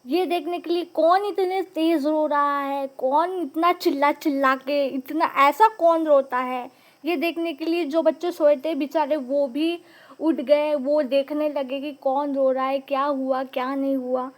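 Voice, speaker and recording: High-voiced woman telling a story slowly. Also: steady tone. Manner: dramatic, repeats phrases for emphasis; mixes in English words. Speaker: vlogger. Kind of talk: casual personal storytelling.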